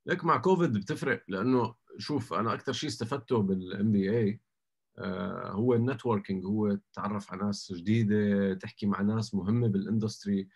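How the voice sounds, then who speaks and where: Man, thirties, lowish pitch, conversational interview guest, English words mixed in. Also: quick pace, breathy edge. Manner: mixes English words into Arabic. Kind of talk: casual conversational interview, giving advice.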